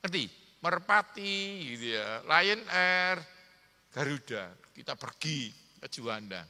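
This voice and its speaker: A man's voice: on the high side, big pitch swings, takes it slowly, sharp tone, big-room sound. A male pastor with an East Javanese accent, preaching a sermon in a joking, teasing way and calling for amens. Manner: joking, teasing the congregation, calls for amen.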